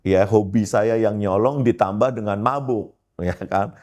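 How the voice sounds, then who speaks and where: A man, a pastor, telling his life testimony in a lively storytelling way, often turning to address his listeners directly. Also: fairly low pitch, measured pace.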